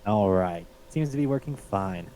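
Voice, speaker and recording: A man's voice: on the low side, expressive, normal speed, very noisy. A man chatting casually on a voice call with a streamer, easygoing, with brief replies. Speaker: co-streamer voicing characters.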